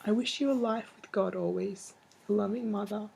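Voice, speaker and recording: A woman's voice: mid-range voice, normal speed, vocal fry. A woman reading a heartfelt love letter aloud in a tender, earnest way, with some background noise.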